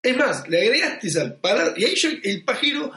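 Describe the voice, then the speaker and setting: A man's voice: very high-pitched, very animated, brisk, sharp tone. A young man with an Argentine accent in a casual podcast chat, reflecting and building his arguments step by step. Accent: Argentine Spanish. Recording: echoey room.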